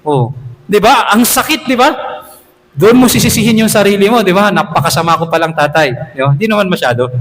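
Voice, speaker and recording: A man's voice: sits high, expressive, fairly quick, big-room sound, slight background noise, rough recording. A man giving an Islamic sermon as an imam, talking to his listeners in a conversational way and often checking in with rhetorical questions.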